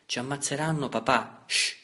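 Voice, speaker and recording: A man's voice: mid-range voice, moderate pace, sharp tone, voice pushed up, lightly acted. A man voicing a frightened young boy who clings to his father, with a small pleading voice, in an audiobook reading. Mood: terrified whisper.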